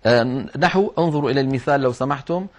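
A male teacher at an ordinary middle pitch talks through a lesson one point at a time. He slows down to chant short examples in a drawn-out voice, then goes back to plain explaining. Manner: patient step-by-step explaining, chanting examples slowly. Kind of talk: explanatory lesson on Quran orthography marks.

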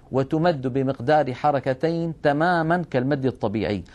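A man with a somewhat raised voice, teaching in a calm lesson style. He explains step by step and slows right down to stretch out each example word. He sounds middle-aged. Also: on the high side. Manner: explains patiently, stretches example words slowly. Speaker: Quran recitation rules teacher.

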